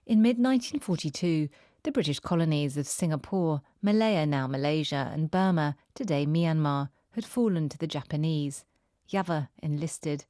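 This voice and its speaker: A woman's voice: low-pitched, dark tone, no room sound, clean studio sound. A woman reporter reading scripted narration for a news feature. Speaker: radio reporter.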